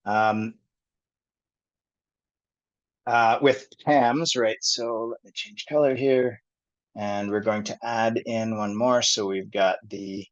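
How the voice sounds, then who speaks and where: A man's voice: on the low side, fairly even intonation, slow pace. Guy walking people through a technical idea on a call, lots of ums, kinda dull lo-fi sound. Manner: hesitant, many ums, thinks aloud. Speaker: presenter. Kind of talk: explaining a technical topic to a group call.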